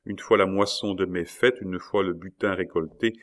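A man's voice: deep voice, steady tone, normal speed, lightly acted. A man reading an audiobook who voices a lovesick young prisoner in a lyrical, impassioned manner. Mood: melancholy.

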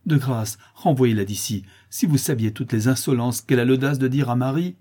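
A man voicing a gentle young girl who pleads and implores, for a storybook reading. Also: medium pitch, moderate pace, slightly rough, voice pushed up, lightly acted. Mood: pleading.

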